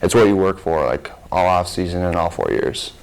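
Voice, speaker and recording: A man's voice: low voice, moderate pace, darkish tone, low-quality recording. A young man from Arizona who plays college football, giving laid-back, short answers in an interview. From Tucson, Arizona. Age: 20s. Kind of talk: casual interview.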